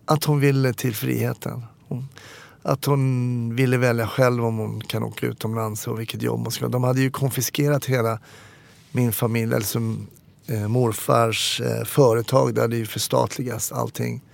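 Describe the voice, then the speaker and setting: A man, a former police officer reflecting candidly on his life in an interview, with frequent pauses and hesitations. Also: medium pitch, little pitch movement, gravelly. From Stockholm, Sweden.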